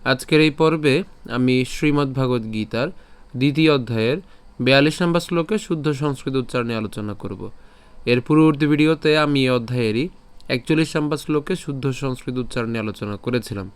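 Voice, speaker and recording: A man with a Bengali accent teaching Sanskrit pronunciation in an online lesson, breaking words into syllables patiently and slowing right down to chant each verse. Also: mid-range voice, smooth. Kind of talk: online lesson with slow recitation.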